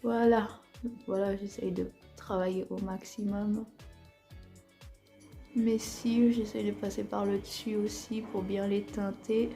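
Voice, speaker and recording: A woman's voice: mid-range voice, level tone, unhurried, gravelly, mellow, soft background music. Chatty Alsatian woman in echoey room. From Alsace, France. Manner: chatty, frequent fillers, talks while applying makeup. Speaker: beauty vlogger. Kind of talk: casual makeup tutorial.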